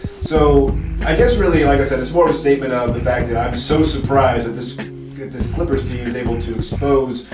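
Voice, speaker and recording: A man's voice: mid-range voice, brisk. A man co-hosting a casual sports debate, giving long-winded, hedging analysis in a rambling way. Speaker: sports podcast co-host. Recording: roomy, distant mic with music behind. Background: music.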